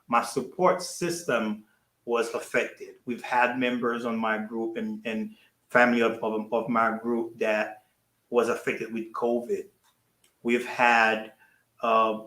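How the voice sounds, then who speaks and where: A man speaks at a middle pitch in a roomy, echoing space. He leads a ministry and talks to his livestream audience casually. He is earnest and keeps repeating his thanks. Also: a bit bright. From Haiti. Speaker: ministry leader hosting a livestream. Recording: roomy echo.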